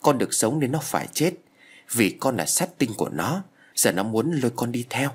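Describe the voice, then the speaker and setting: A man voicing a stern elderly male exorcist who commands and scolds a ghost in a husky voice. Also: mid-range voice, big pitch swings, moderate pace. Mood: grave.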